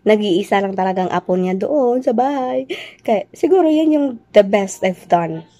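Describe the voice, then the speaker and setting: Loud, chatty young woman from the Philippines. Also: medium pitch, lively intonation, normal speed, dry recording. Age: young adult. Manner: loud, chatty, teasing, jokes then says she's kidding. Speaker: vlogger, overseas dental nurse. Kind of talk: casual Q&A vlog chat.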